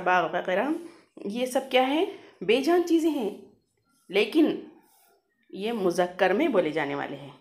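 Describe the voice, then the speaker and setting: A woman teacher giving a grammar lesson to children, reading word pairs slowly one by one and then explaining in quicker asides. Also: mid-range voice. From India.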